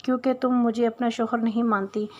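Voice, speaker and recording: A woman reading a romance novel aloud in a steady, even way, with small hesitations between lines. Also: on the high side, lo-fi sound. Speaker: novel reader.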